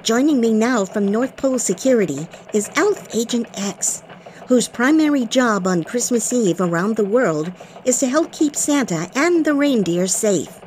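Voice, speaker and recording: A chirpy elf newsreader, played by a woman, with a high voice that swoops lively up and down. She reads in a polished radio style over a faint hiss of noise. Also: normal speed, close to an everyday voice, poor audio. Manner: bright, chirpy newsreader delivery. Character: cheerful female elf news reporter. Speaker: radio news reporter. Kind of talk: scripted radio news.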